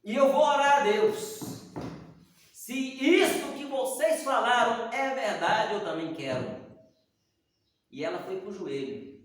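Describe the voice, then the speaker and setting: A man with a very high-pitched voice takes his time, pausing often, as he teaches a church Bible lesson and animatedly performs the stories' dialogue. He's a Sunday school teacher heard through a distant mic in an echoey hall.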